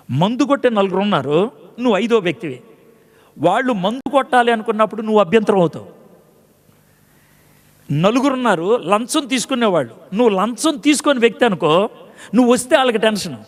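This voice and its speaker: A man's voice: high-pitched, expressive, brisk, pauses often, in a large hall. A man pastor preaching a sermon in a conversational way, acting out scripture dialogues and quizzing his congregation. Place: church.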